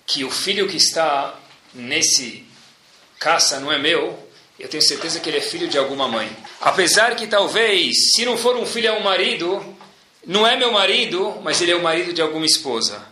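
Animated Brazilian man telling a story. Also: high-pitched, roomy sound. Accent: Brazilian Portuguese. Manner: animated, addresses listeners as "pessoal", adds asides. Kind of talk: storytelling talk to an audience.

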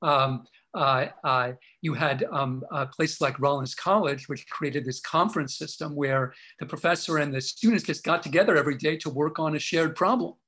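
A man speaks as a historian being interviewed about his book. His voice sits fairly high for a man, and he wanders through long answers with frequent "um"s and restarts. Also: moderate pace, pushed and bright, low-quality recording. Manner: discursive, many fillers and restarts. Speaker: author and historian guest.

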